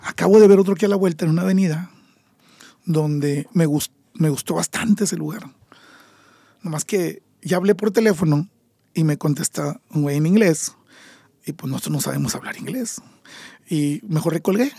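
Mexican-accented man, middle-aged, animated storyteller, raspy and gravelly, dry close sound. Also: a little high, no room sound. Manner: animated, acts out voices in his stories. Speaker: podcast guest, taco shop owner. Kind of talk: storytelling interview.

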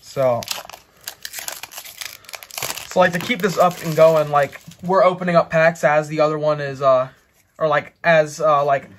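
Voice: mid-range voice, steady tone, a little slow, long pauses, slight background noise. A co-host chatting casually while opening card packs, rambling and leaning on "like" and "uh". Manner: rambling, heavy on fillers like "like" and "uh".

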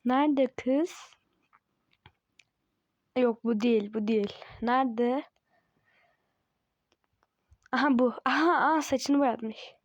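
High-voiced woman chatting over gameplay. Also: slow pace, pauses often, no room sound, muffled recording. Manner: chatty and teasing, laughs often, talks to herself. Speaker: gaming channel host. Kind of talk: casual gameplay commentary.

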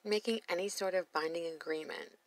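A woman's voice: on the low side, brisk, poor audio. Sassy, blunt woman commentator. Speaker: reaction video host. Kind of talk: voice-over commentary on a reality show.

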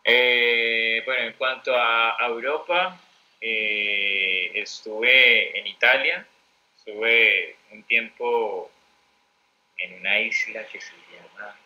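A man's voice: medium pitch, takes it slowly, pushed and bright, poor audio. A Colombian man telling travel stories as an interview guest, rambling with many fillers and restarts. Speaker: interview guest, mentor teacher. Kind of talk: conversational interview storytelling.

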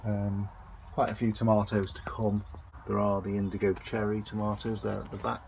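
A man giving a relaxed, hesitant tour of his allotment and greenhouse, filming on a handheld phone outdoors. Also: lowish voice, normal speed, creaky, a little hiss or hum. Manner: relaxed, hesitant with many ums and uhs. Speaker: allotment vlogger. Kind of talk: casual garden tour narration.

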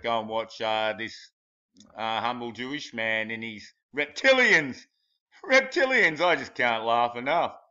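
Crude and blunt, this man rambles through a mocking commentary on pictures and chuckles at his own jokes, as a conspiracy video commentator might. His lowish voice is bright and forceful, captured in a dull, lo-fi home recording.

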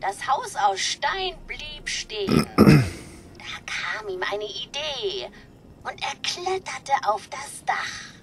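A woman with a high, very animated voice speaks slowly over soft background music, doing a full character voice. In this video game dialogue she plays a prim female robot nanny, lightly robot-filtered, sweetly telling a fairy tale in a doting, sing-song way.

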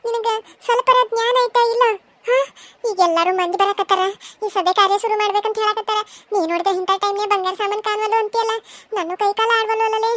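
A woman's voice: extremely high pitch, steady tone, fast talker, dry recording. A woman voicing a stern but caring older village mother who scolds firmly, with a North Karnataka Kannada accent. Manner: scolding, firm, loud.

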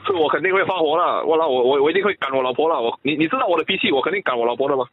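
A Malaysian man speaks fast over a thin phone line, his voice slightly high. He is blunt and teasing and keeps pushing his friend for answers. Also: lively intonation, a little hiss or hum. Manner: blunt, teasing, pushes with questions. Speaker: friend on the call. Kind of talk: casual phone chat.

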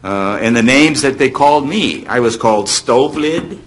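An American man in his seventies, once a child radio actor, sits at a hotel meeting-room panel table, reminiscing and taking questions from an audience. He is an animated storyteller who draws out words for effect, with a medium pitch and moderate pace. A table microphone on a stand captures him through noisy room amplification.

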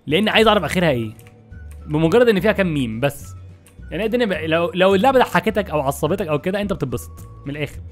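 A young man with an Egyptian Arabic accent, giving excitable, exasperated gameplay commentary to his viewers. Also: high voice, very fast, faint music behind. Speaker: gaming YouTuber.

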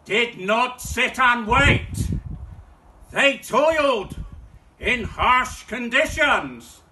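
A British man performing a town crier's cry outdoors, declaiming a loud ceremonial proclamation in short, measured phrases. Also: high voice, slight background noise. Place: outdoors in a paved back garden. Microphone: phone or camera several metres away.

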